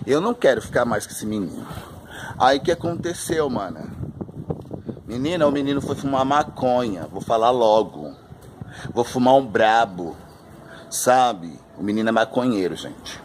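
A man's voice: medium pitch, lively intonation, moderate pace. A flamboyant young man telling dramatic gossip in a vlog, drawing out his words. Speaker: vlogger. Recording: loud street noise and traffic.

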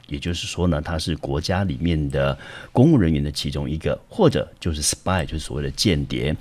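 A man's voice: deep voice, a little mellow. A man teaching English vocabulary in Mandarin with a Taiwanese accent, explaining patiently step by step. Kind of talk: vocabulary lesson.

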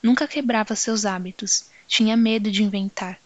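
A woman narrating a literary novel as an audiobook, reading in a measured, reflective way. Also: mid-range voice, steady tone, dry recording, highs cut off.

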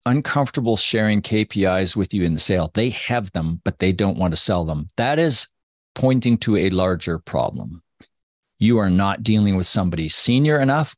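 A man hosting a business webinar, answering audience questions in a relaxed, conversational way with playful asides. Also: deep voice, no echo, studio quality. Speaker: webinar host and sales consultant.

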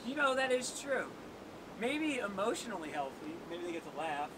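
In a seaside cave, a young man hosting a workout jokes around and counts down for viewers as he coaches them casually. He speaks in a sing-song way at a moderate pace. The outdoor recording, made by a camera on a tripod some distance away, is noisy with the rumble of waves.

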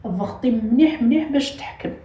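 A woman's voice: a little high, fast talker, warm tone. A woman with an Algerian Arabic accent hosting a home cooking tutorial. She talks step by step as she works and keeps repeating short cues. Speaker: cooking channel host. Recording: echoey room with faint ambient noise.

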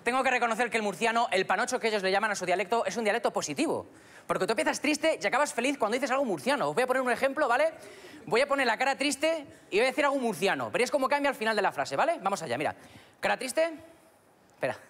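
A man's voice: extremely high pitch, expressive, very fast, fairly bright tone. A man from Albacete with a Spanish accent doing stand-up comedy on a club stage, chatty and often asking the audience questions. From Spain. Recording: live club recording with crowd noise.

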